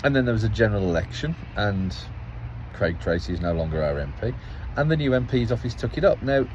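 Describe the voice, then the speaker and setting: A man with a fairly low voice gives a casual, rambling account as a local parish councillor, often repeating and restarting his phrases. He tells it with a note of exasperation. He is recorded outdoors in a town, with faint traffic in the background. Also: very animated, brisk, a little mellow, rough recording.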